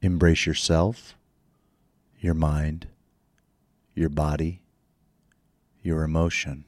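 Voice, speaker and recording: A man with a very low voice guides a meditation, unhurried and soothing. His words come slowly, with calm pauses between instructions. The sound is close and dry, with no room around it. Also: no room sound.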